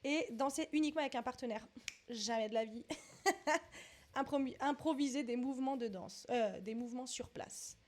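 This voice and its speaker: A woman's voice: high-pitched, moderate pace. Chatty young woman thinking aloud. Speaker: vlogger doing a dance quiz. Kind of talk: casual quiz commentary.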